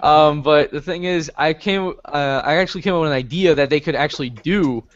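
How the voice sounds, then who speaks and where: Brief: hesitant male podcast co-host, slightly high voice, dull recording. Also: brisk. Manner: hesitant, rambling, many fillers. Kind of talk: casual gaming podcast chat.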